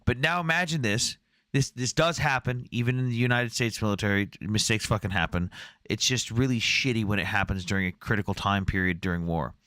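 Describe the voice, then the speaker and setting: A man's voice: on the low side, brisk, dry recording, studio quality. A man hosting a live debate stream in casual chat, telling stories with a lot of swearing and acting out the quotes. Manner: animated storyteller, swears freely, acts out quotes.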